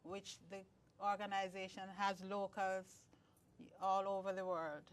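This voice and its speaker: A woman's voice: medium pitch, flat delivery, unhurried. A Jamaican-born woman, a guest in a conversational interview, explaining earnestly with frequent restarts. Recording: distant mic, dry sound.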